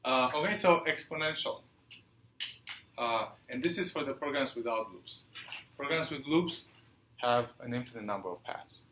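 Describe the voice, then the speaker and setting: A man giving a university lecture, halting with many fillers and putting questions to the class. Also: medium pitch, pushed and bright, a little hiss or hum. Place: lecture hall. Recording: echoey lecture hall.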